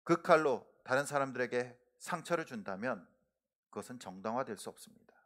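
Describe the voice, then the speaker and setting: A middle-aged male pastor giving a sermon in a church, preaching earnestly, pressing his points hard and letting his sentence endings fall soft. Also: mid-range voice, expressive, a little fast. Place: church sanctuary.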